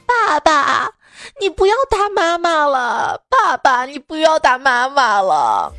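A woman voicing a small child who shouts through tears at the parents, high and loud. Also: very animated, slow pace, no echo, faint music behind, exaggerated voice. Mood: crying, pleading.

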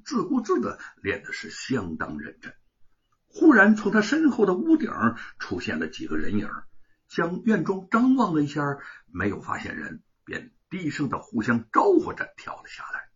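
A male storyteller narrating a traditional oral tale in a dramatic, animated way. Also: medium pitch, husky, lo-fi sound.

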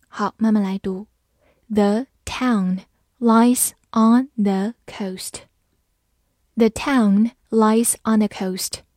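A woman teaching English vocabulary in a scripted lesson, spelling words letter by letter and reading example sentences slowly. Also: mid-range voice, a little mellow, no room sound, studio quality.

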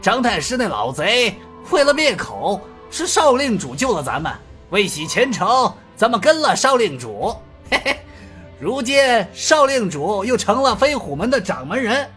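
Man doing a high, hearty martial brother. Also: big pitch swings, measured pace, a bit bright, soft background music, exaggerated voice. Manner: chuckling, brash and hearty. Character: rough, jovial martial brother, laughing.

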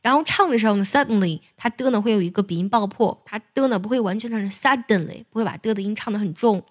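A woman teaching how to sing an English song, speaking in a patient, measured way with soft particles at the ends of her phrases. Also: medium pitch. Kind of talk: explaining lyrics and singing technique.

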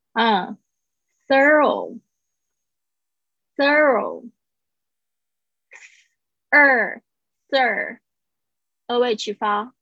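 A woman teaching English pronunciation on a livestream, explaining patiently and repeating words slowly for her students. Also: medium pitch, no room sound, muffled recording.

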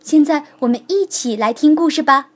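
A woman storyteller reading a children's story aloud, speaking gently and warmly to young listeners. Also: high-pitched, normal speed. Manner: lively, gentle, addressing children.

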